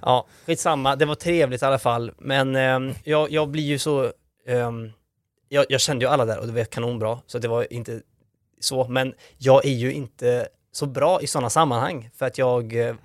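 A man's voice: medium pitch, fairly even intonation, dry recording, clean studio sound. A man co-hosting a podcast, talking casually with many fillers and restarts and laughing easily. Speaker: podcast co-host. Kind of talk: casual chat.

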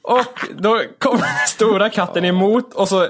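A man chatting casually, telling a long anecdote in a relaxed, low muttering way. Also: soft background music. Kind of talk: casual podcast chat.

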